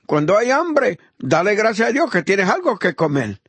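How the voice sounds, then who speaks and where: A man preaching a fervent sermon, swinging between loud high exhortation and low murmured praise, acting out the voices of the people in his story. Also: big pitch swings, moderate pace, husky, no echo. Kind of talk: impassioned sermon.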